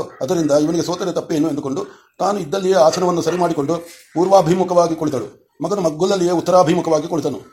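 A man narrating an audiobook in a steady, measured storytelling way. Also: fairly high pitch. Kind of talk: scripted narration.

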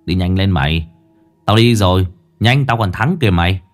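A man's voice: low voice, animated, moderate pace, faint music behind. A man voicing a timid young man who stutters when he is frightened. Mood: impatient. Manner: stuttering, jumpy.

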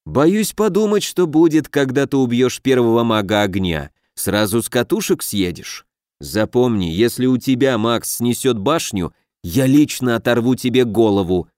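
A man voicing a stern, cold male dark mage teacher in an audiobook, speaking slowly and in a cutting way, a little lower than his own voice. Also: lively intonation, no echo, studio quality, natural voice. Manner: cutting, slow and measured. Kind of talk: audiobook character voice.

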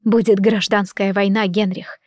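A woman's voice: medium pitch, little pitch movement, normal speed, a little mellow, no room sound, clean studio sound, close to an everyday voice. A woman reading a fiery young queen. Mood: weary. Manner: emotional, impassioned. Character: young queen, proud and quick-tempered.

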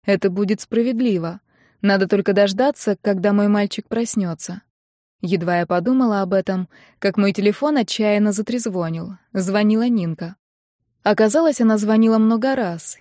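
A woman narrating a novel in the first person, with even, expressive storytelling. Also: medium pitch, no room sound, studio quality. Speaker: audiobook narrator.

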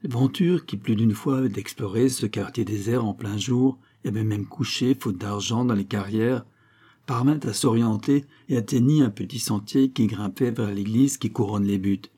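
A man reading a novel aloud as narrator at a steady, measured pace. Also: on the low side, husky. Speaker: audiobook narrator. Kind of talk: scripted narration.

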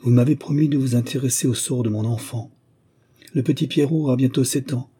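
Humble peasant father in a storybook, deferential and pleading, dark husky tone, voiced by the male narrator. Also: mid-range voice, steady tone, brisk, pitched above the performer's own voice.

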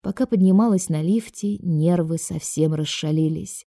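Female audiobook reader, mellow and lowish, dry close sound. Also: normal speed, no room sound. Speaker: narrator. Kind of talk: audiobook reading.

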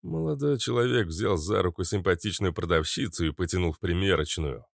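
A man narrating an audiobook in an expressive storytelling manner. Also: low-pitched, brisk, gravelly, dry recording, studio quality. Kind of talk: scripted narration.

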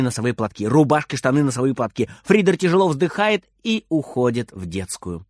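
A man narrating a children's story aloud, lively and expressive. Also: mid-range voice, dry recording, studio quality. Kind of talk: storybook reading.

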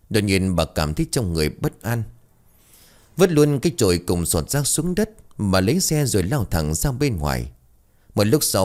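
A man tells a ghost story in a low voice. His pitch swings widely, giving the narration a dramatic, expressive rise and fall.

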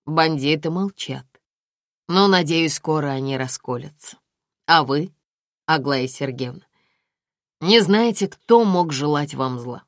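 Woman reading a formal, dry police investigator, low measured voice, close and dry audiobook sound. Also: animated, no room sound, full character voice. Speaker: audiobook reader.

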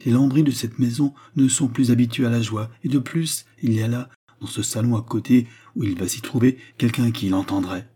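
A man's voice: mid-range voice, a little fast, few pauses, slightly rough, lightly acted. A man reading a protective young brother who urges his sister to keep her voice down. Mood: hushed. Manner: hushed, cautious.

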